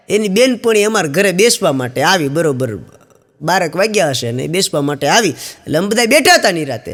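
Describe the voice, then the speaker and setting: High-voiced man telling jokes in a hall. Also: a bit bright. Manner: storytelling, acting out quoted characters with raised pitch. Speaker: stand-up comedian. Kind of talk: Gujarati joke telling to an audience. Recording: long hall reverb.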